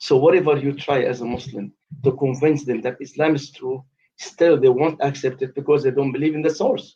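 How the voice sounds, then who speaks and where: Calling in online to a live debate aftershow, a man in his late fifties from the West Bank, Palestine, talks fast in a medium-pitched, dark-toned voice over a muffled line. The discussion is heated, and he's insistent and formal in phrasing, repeating himself.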